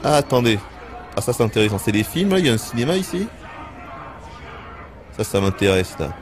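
A man does casual let's play commentary in a lively, swooping voice, joking crudely as he plays. His pitch jumps around as he reacts. Faint game music sits behind him. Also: a little fast. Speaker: streamer.

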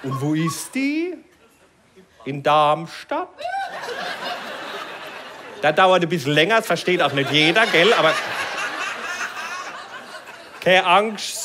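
A man's voice: sits high, normal speed, background noise. A male stand-up comedian with a Palatinate accent, chatting on stage and tagging sentences with gell. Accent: Palatinate German. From Palatinate, Germany. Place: live stage before an audience.

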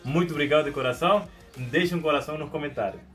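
A man's voice: fairly high pitch, fast talker, soft background music. A young man from Venezuela with a Venezuelan Spanish accent, a Spanish native speaker, talking casually to camera in a small room at home, hesitant with many restarts and repeated words. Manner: animated hand gestures. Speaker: YouTuber.

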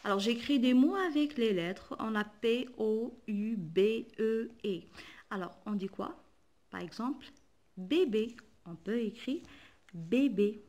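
Woman teacher, slightly high voice, patient and repetitive, spells words out. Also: expressive, a little mellow. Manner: slow, patient, repeats words and spells letters aloud. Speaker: primary school teacher. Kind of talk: workbook lesson explanation.

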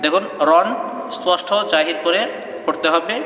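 A man teaching Quran reading, spelling out letters and marks, then chanting the joined words slowly in a sing-song way. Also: on the high side, steady tone, pushed and bright. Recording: echoey room with long reverb.

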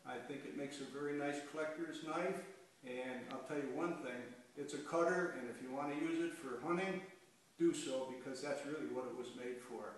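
Older man talking from across an echoey room. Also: mid-range voice. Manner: plain-spoken, pauses with frequent uhs. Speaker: master bladesmith. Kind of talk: unscripted spoken presentation. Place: living room. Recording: echoey room, far from camera.

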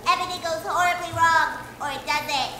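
A woman in her twenties with a squeaky helium voice, chatting casually and giggly as an actress in an interview. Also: steady tone, brisk. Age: 20s. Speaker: film actress. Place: indoor bar. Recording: roomy echo, clear background noise.

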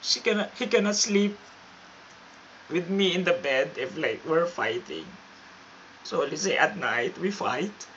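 Self-flattering Filipino woman, dull lo-fi. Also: lowish voice, unhurried, long pauses. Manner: mock-confident, self-flattering, deadpan boasting. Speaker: vlogger. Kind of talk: comic monologue to camera. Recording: dull lo-fi with faint hiss.

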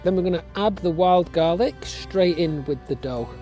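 A man's voice: high voice, moderate pace, dark tone, faint music behind. A middle-aged man from England, walking through an outdoor cooking tutorial in a friendly, step-by-step way, recorded outdoors in woodland. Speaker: family nature educator.

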